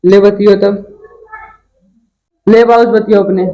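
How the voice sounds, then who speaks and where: A man with an Awadhi accent playing a policeman in a rustic comedy sketch, giving gruff, bossy orders. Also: sits high, level tone, takes it slowly, warm tone, no echo, muffled recording. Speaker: comic actor playing a policeman.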